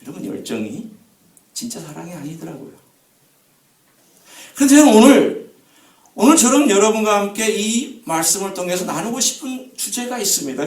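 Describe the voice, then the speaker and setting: Lively Korean preacher in an echoey church. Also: male voice, sits high. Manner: emphatic personal storytelling to a congregation. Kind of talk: revival-meeting sermon. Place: church sanctuary. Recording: echoey church hall, voice from a distance.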